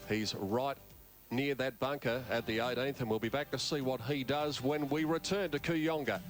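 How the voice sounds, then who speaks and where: A man anchoring live television golf commentary in a measured, scene-setting way. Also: medium pitch, music in the background. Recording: very noisy outdoor broadcast sound.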